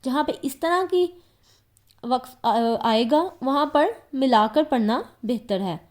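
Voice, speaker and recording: High pitched woman, pakistani urdu accent, patient quran teacher going over each point twice. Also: lively intonation. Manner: patient, repeats each point in simpler words. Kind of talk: explanatory religious lesson.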